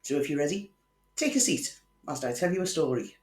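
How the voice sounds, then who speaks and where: A man hosting a true crime channel narrates a case from a script, adding wry conversational asides to the viewer. His voice is a little high, brisk and lively in intonation, and the room sounds echoey.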